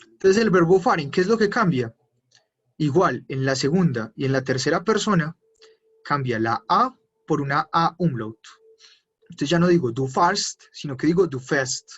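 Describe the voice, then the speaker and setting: A husky, fairly high-voiced man, teaching German grammar step by step to a class. The sound is dull and muffled. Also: animated, normal speed. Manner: explains step by step, switching between Spanish and German drills. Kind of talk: online class explanation.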